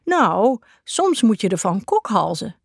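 A woman's voice: medium pitch, very animated, a little slow, vocal fry, breathy edge, no room sound, studio quality, heavily acted. A woman voicing a kindly, chatty pedigree cat in a storybook, frank and open.

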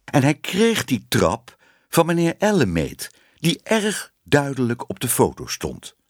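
A man reading a children's story aloud with an expressive storytelling voice. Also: medium pitch, unhurried, no room sound, studio quality. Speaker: narrator.

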